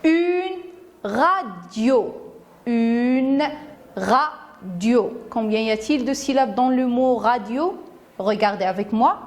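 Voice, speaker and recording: A woman teacher gives a phonics lesson to young children. She says each word carefully, repeats it, and breaks it into syllables. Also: a little high. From Morocco. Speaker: primary school teacher.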